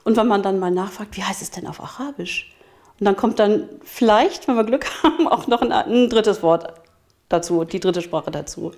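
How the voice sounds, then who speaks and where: A woman kindergarten educator speaking in a lively, amused way in a documentary interview. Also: medium pitch, moderate pace.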